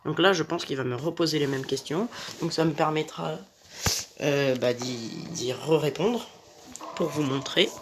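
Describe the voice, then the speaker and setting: A man's voice: fairly high pitch, moderate pace, slight background noise. A young man giving casual commentary on a video game as he plays, hesitant and full of fillers. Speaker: gaming youtuber. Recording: game music behind.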